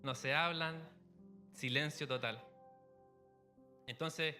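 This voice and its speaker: A man delivers a sermon in a church, speaking in an easy, conversational way and illustrating his points with everyday stories. His voice is bright and sits a little high for a man. Faint music plays quietly underneath. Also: steady tone, slow. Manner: conversational preaching with illustrative anecdotes. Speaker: pastor.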